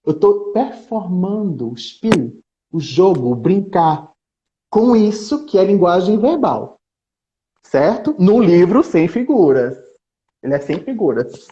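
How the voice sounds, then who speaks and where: A man's voice: sits high, takes it slowly, muffled recording. A man, a researcher, chatting as a guest on a live stream and acting out book lines with shifting intonation. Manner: animated, dramatizes book reading with shifting intonation. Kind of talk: casual chat on a live stream.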